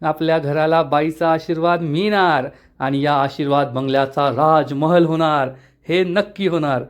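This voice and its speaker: A man's voice: fairly high pitch, fairly even intonation, moderate pace, natural voice. A fussy old village patriarch sulks and boasts, put on by a male narrator. The voice rises slightly above the narrator's own.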